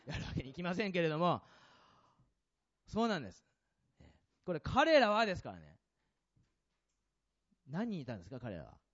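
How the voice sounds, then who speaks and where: A male pastor preaching to his congregation with a very animated, rising and falling voice, pitched a little high for a man. He asks the listeners questions and moves between loud and hushed passages. The sound is dull and lo-fi. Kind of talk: sermon.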